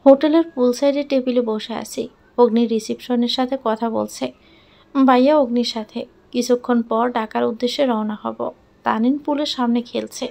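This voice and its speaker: Gravelly-voiced woman narrating an emotional story. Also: a little high, steady tone, normal speed. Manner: soft, heartfelt and earnest. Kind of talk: scripted first-person narration of an emotional story.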